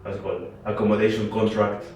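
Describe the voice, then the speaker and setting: A young man from Ecuador talks in a relaxed, halting way, padding his answers with "like" and "uh". His voice sits a bit low. He sounds set back from the mic in a very echoey room. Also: vocal fry, distant mic, a little hiss or hum. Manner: relaxed, hesitant, many fillers and "like". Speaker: guest, international student. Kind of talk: casual interview answers.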